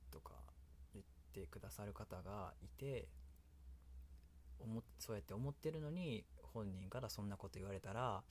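Man, Kansai accent, solo radio host, low voice, rambling, laughs at himself, faint background hiss. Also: darkish tone. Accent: Kansai Japanese. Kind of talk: casual solo radio talk.

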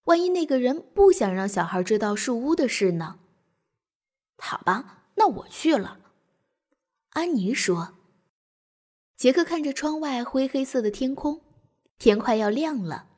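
Young woman storyteller, breathy voice, lively bedtime reading for kids. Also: high voice, moderate pace. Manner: gentle, expressive reading for children.

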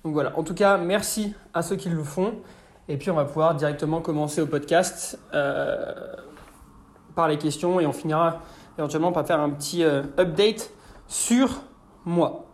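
A man's voice: fairly high pitch, moderate pace. A young man hosting his own podcast, answering listener questions in a chatty, hesitant way with many fillers.

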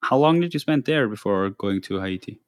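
A man hosting a podcast, asking curious, halting questions in a casual interview. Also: on the low side, lively intonation, no room sound, studio quality. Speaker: podcast host.

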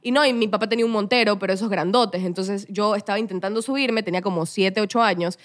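A young woman, co-hosting a podcast and telling an animated, dramatic story in casual chat. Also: mid-range voice, quick pace. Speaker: podcast co-host.

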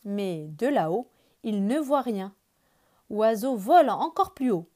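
A woman reading a children's picture book aloud, gentle and expressive. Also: mid-range voice, slow pace. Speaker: children's storyteller.

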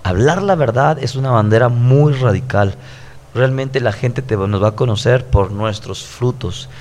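A man's voice: medium pitch, normal speed, a little mellow. A man in his thirties with a Mexican accent, a pastor who preaches conversationally on a podcast and repeats his points earnestly. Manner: earnest, preachy, stacked repetitions.

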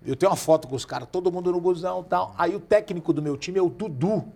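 Gravelly and high-pitched, this man talks fast as a podcast guest sharing casual stories. He's a Brazilian in his forties, and he brings his anecdotes to life by imitating the people he quotes.

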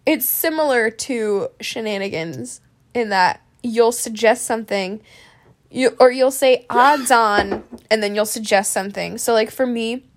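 A woman's voice: fairly high pitch, measured pace. A young woman co-hosting a casual chat, telling stories with lots of giggles and animation. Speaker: co-host.

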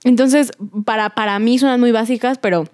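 A young woman with a somewhat high voice talks in a loose, casual way. She laughs a lot and drops English phrases into her chat. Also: fairly even intonation, brisk, darkish tone, no echo, clean studio sound. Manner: laughs often, mixes English slang.

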